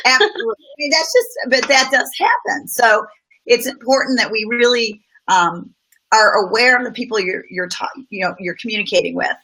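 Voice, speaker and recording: A middle-aged woman appears as a business guest in a casual conversational interview, reflecting thoughtfully on workplace experiences and offering many personal examples. Her slightly high voice is lively in intonation, fairly quick, pushed and bright. The recording quality is low.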